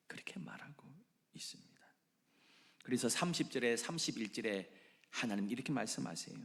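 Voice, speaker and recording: Pastor preaching in church, middle-aged guy, goes from loud to whispery, voice jumps around a lot. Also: mid-range voice. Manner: dramatic, swings between loud exclamations and hushed whispers. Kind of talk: sermon. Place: church sanctuary.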